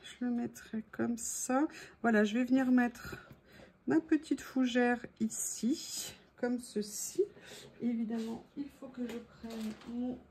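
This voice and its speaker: A woman's voice: a little high, fairly even intonation, slow, warm tone, slight background noise. A woman hosting a craft tutorial, chatting to viewers as she works and laughing at her own mistakes. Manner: self-mocking, laughs at her own mishaps, talks to viewers. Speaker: craft video host.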